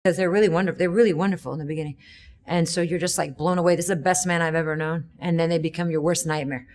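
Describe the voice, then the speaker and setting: Woman, intense and blunt, swears, dark tone, roomy echo, music under. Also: deep voice, steady tone, quick pace. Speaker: interviewee. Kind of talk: emotional interview.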